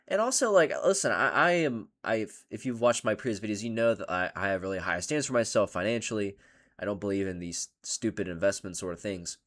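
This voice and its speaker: A man hosting a casual reaction video, ranting in an animated and sarcastic way. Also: lowish voice, a little fast.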